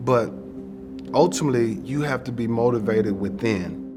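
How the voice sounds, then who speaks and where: A man giving a thoughtful interview answer, halting and repeating phrases with frequent "you know". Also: mid-range voice. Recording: loud music over speech. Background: loud music.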